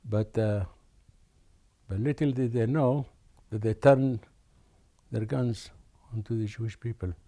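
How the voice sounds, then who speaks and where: Recalling the past in an oral history interview, an elderly man from Aden, Yemen, speaks slowly with frequent pauses and restarts. He has a medium-pitched voice with a steady, mellow tone.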